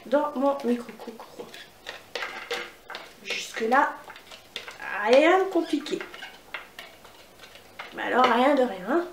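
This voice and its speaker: A woman's voice: fairly high pitch, recorded from a distance, noisy background. Chatty northern French woman in echoey kitchen. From northern France. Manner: chatty, upbeat, addresses viewers directly. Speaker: cooking demonstrator. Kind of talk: casual cooking demo.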